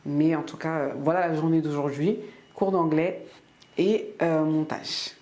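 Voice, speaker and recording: A woman's voice: low voice, fairly even intonation, a little slow, dark tone. A woman from France chatting casually to camera in her weekly vlog, rambling with many fillers and restarts. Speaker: vlogger.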